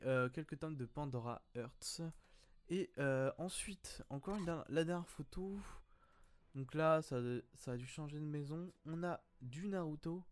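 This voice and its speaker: A young man casually commenting on viewers' photos as a YouTuber, hesitant and thinking aloud with many fillers. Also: a little high.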